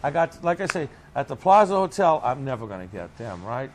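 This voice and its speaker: A man's voice: medium pitch, big pitch swings, brisk. Jokey Boston man over background noise. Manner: jokey, salesman-like. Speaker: coffee cake company owner. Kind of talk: animated interview storytelling.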